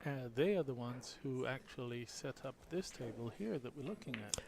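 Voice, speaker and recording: Man, mid-pitched, chatty co-commentator who likes a joke, noisy mic. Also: animated, moderate pace, creaky, darkish tone. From Israel. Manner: friendly, rambling, joking. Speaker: color commentator. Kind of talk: pool tournament commentary.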